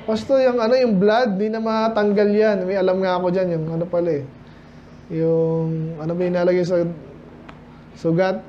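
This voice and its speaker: High-voiced Filipino pastor preaching. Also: male voice, fairly even intonation, moderate pace, dull audio, a little hiss or hum. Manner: conversational preaching, asks the congregation "Amen?"; acts out quoted voices of listeners. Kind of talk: midweek Bible-study sermon. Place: small church hall.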